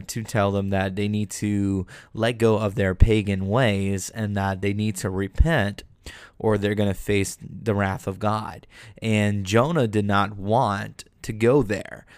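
A man giving an earnest, conversational Bible teaching with a fairly low voice. The sound is dry and close, with no room around it. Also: no room sound. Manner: earnest, conversational, acts out quotes with animated high voice.

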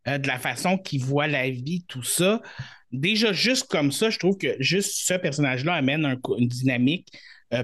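A man's voice: mid-range voice, fairly bright tone. A man with a Québécois French accent hosting a podcast, chatting casually and hesitantly with lots of fillers. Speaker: podcast host. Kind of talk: casual chat.

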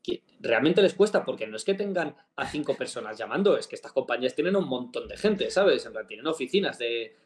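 This medium-pitched man speaks a little fast, with hardly any pauses. During a casual podcast chat as co-host, he retells a phone call with lots of jokes and animated storytelling.

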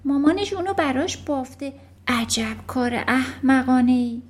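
A woman's voice: high-pitched, animated. A woman voicing a cheeky, knowing schoolgirl who mutters under her breath. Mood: scornful.

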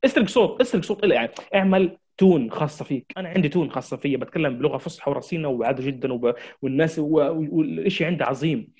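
Speaking very fast in a slightly high, husky voice with a darkish tone, this male marketing trainer delivers a lecture. He urges his listeners directly, repeating his calls to action with urgency.

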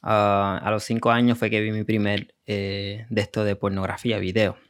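A man's voice: on the low side, flat delivery, normal speed, smooth. A man from Puerto Rico with a Puerto Rican accent, a guest coach telling his story in an interview, hesitant with many fillers. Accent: Puerto Rican Spanish.

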